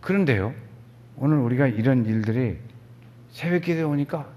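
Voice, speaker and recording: An older man preaching a sermon as a pastor, animated and acting out quoted dialogue, sounding weary and foggy-headed. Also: mid-range voice, normal speed. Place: church sanctuary. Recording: long church hall reverb.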